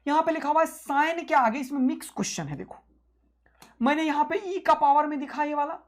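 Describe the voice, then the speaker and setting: A male physics teacher giving an exam-prep lecture, energetic and rousing, repeating key points to his students. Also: very high voice, a little fast.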